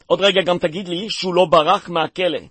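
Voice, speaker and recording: A man's voice: high voice, slightly rough, dry recording. A man playing a stern, impatient man set on making an arrest in a comic radio play. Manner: impatient, animated.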